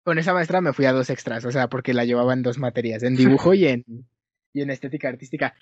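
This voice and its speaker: A man's voice: mid-range voice, fast, darkish tone, no echo. A young man with a Mexican accent telling a rambling, self-correcting story in casual chat with friends. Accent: Mexican Spanish. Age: young adult. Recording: dull dry lo-fi sound.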